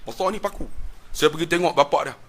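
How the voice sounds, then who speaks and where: A middle-aged Malaysian preacher delivers a story-driven sermon in a bright, forceful voice pitched a little high for a man. His Malay accent is plain throughout. He lurches from booming outbursts down to hushed, almost whispered passages. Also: fast talker. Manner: animated, dramatic swings between loud and hushed voice.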